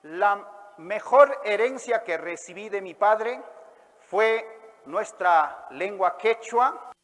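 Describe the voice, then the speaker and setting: A man with a very high voice tells a folk tale to a live audience, stretching out calls and sound effects and getting the crowd to repeat after him. He comes from Ayacucho, Peru, and his voice carries a long reverb, as if in a large hall. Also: animated, slow, fairly bright tone. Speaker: storyteller. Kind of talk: oral storytelling to a live audience.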